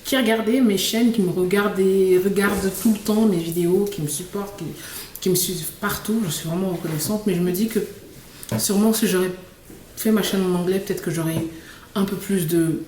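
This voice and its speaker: A woman's voice: medium pitch, steady tone, fairly quick, a little mellow, distant mic. A young woman vlogging casually to camera, rambling with lots of fillers and restarts. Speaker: beauty and lifestyle vlogger. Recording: echoey room with faint noise.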